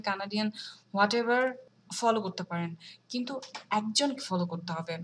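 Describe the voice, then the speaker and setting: A woman giving a beginner English lesson, switching between Bengali explanations and slow, careful English. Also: mid-range voice, a little hiss or hum, rough recording. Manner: slow deliberate English delivery. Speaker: English teacher.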